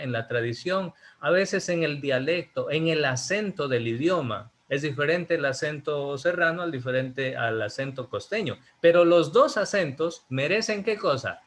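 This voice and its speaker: A male teacher lectures his students over a video call. His voice sits a little high, and he speaks emphatically, asking rhetorical questions and then answering them himself. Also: a bit bright. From Ecuador. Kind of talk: online class lecture.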